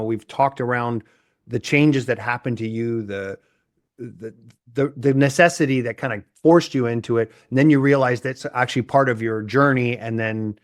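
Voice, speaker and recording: A man's voice: medium pitch, no echo, clean studio sound. Laid-back male podcast host. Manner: relaxed, conversational, musing aloud. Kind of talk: casual interview chat.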